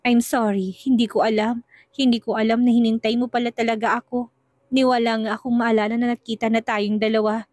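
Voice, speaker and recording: A woman's voice: a little high, level tone, fairly quick, darkish tone, no room sound, lightly acted. A woman voicing a tearful, pleading young woman in a storybook reading. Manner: pleading, emotional. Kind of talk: storybook narration.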